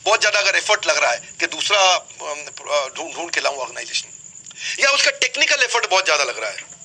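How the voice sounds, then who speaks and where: A man's voice: a little high, big pitch swings, a little fast, sharp tone, husky, poor audio. A man giving a business lesson, explaining ideas with everyday examples and acting out short customer exchanges. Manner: acts out short customer dialogues. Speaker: business educator.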